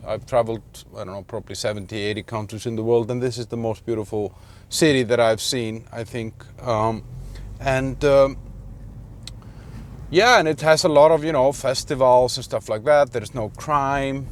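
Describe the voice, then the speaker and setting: A man's voice: mid-range voice, slight background noise. A man from Iceland talking casually in a vlog, rambling with many fillers and restarts, sitting in a car. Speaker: vlogger.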